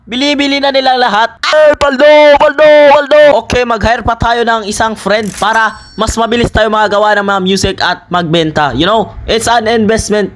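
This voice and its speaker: A young Filipino man giving playful, excitable commentary while playing a game. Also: sits high, normal speed, few pauses. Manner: excitable, playful, switches between Tagalog and English. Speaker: gaming content creator. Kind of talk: casual gameplay commentary. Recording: faint game music behind.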